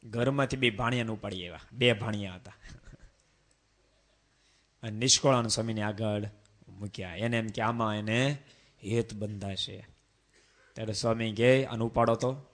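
A man preaching a devotional sermon, asking the audience rhetorical questions and slowly chanting verse refrains. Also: lowish voice, steady tone.

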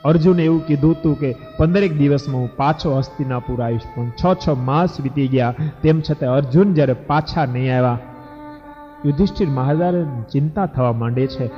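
A man's voice: medium pitch, a little fast. A man telling a devotional scripture story as a sermon, dramatic and emphatic, addressing the devotees. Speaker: religious storyteller preacher. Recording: echoey hall, dull lo-fi, faint music.

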